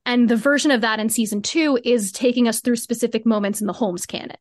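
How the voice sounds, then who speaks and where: The co-creator of a fiction podcast, a woman, talks fairly quickly in a slightly high voice during a conversational interview where she's the guest. Her answers are long, earnest and reflective, captured in a dry, studio-quality recording.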